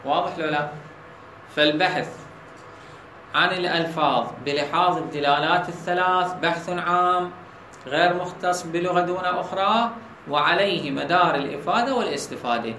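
A man with an Iraqi Arabic accent teaching a logic lesson, often asking his students whether the point is clear. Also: on the high side, moderate pace, bright, forceful tone, a little hiss or hum. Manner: asks students checking questions. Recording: echoey room with faint ambience.

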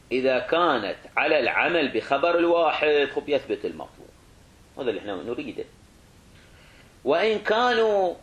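A man's voice: mid-range voice, a bit bright. A male religious studies teacher lecturing a class, who repeats and rephrases points, asks rhetorical questions and sometimes restarts words. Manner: clears his throat, restarts words.

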